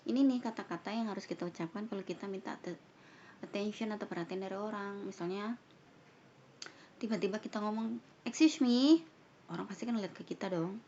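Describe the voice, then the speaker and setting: A woman teaching an online English lesson who reads each line slowly and then translates it. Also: medium pitch, darkish tone. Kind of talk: online English lesson, reading dialogues aloud. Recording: dull lo-fi sound with faint noise.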